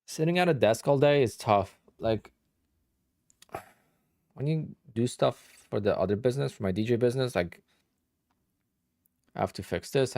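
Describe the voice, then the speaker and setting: On his live trading stream, a sleepy, tired day trader in his thirties, from Poland and speaking with a Polish accent, casually answers viewer questions full of "like"s and "you know"s. His lowish voice is creaky and darkish in tone, recorded at studio quality with no room sound.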